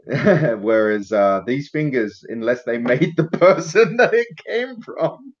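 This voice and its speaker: A man's voice: mid-range voice, expressive, takes it slowly, muffled recording. A man playing a tabletop game, chatting casually and joking. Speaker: player.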